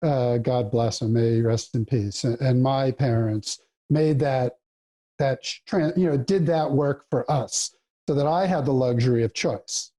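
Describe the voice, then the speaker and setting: A man speaking as a podcast guest. He has a mellow, dark-toned voice, and his delivery is halting, with repeated words as he gathers his thoughts. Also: medium pitch. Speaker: guest professor. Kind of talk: casual interview chat.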